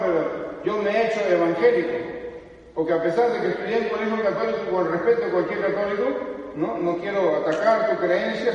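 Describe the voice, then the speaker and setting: A man's voice: sits high, darkish tone. Guy preaching a sermon, chatty with lots of rhetorical questions, long church reverb. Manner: conversational storytelling with rhetorical questions. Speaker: evangelical preacher. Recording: echoey church hall from far off.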